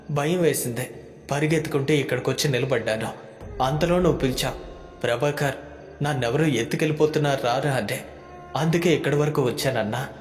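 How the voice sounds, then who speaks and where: A man voicing a frightened young companion in a ghost story, talking in an anxious, rushed way. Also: mid-range voice, close to an everyday voice. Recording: echoey hall with background music.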